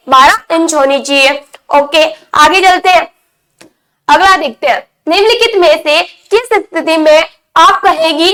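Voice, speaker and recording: A woman's voice: very high-pitched, a bit bright. A woman teaching an online exam-prep lesson, asking her class questions and then answering them, often repeating the key point.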